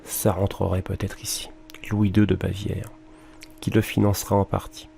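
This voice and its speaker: A man's voice: deep voice, level tone, moderate pace, creaky, dark tone, slight background noise. A male music teacher with a French accent, talking students through a research worksheet and thinking aloud with fillers and mild exclamations. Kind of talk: screen-recorded lesson walkthrough.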